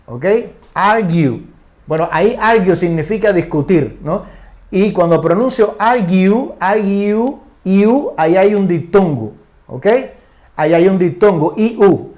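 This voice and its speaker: A man's voice: high voice, moderate pace, darkish tone. An older man teaching English grammar, patient and repetitive, checking in with "no? verdad? ok?" as he explains. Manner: patient, repeats tag questions "¿no? ¿verdad? ¿ok?".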